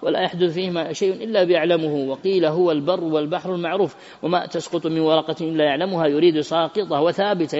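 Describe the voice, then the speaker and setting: A man's voice: on the high side, a little mellow. A man reading a classical Quran commentary aloud at speed, stumbling and repeating words as he goes. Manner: rapid reading with self-corrections and repeated words. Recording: dull lo-fi audio with long reverb.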